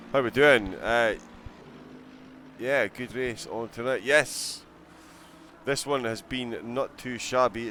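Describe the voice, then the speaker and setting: A male esports race commentator at a middle pitch, calling gaps and positions in a loose, chatty way. He keeps breaking into giggles at the viewers' chat, and a faint hum of noise sits under the stream. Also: a bit bright. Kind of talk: live sim-racing commentary.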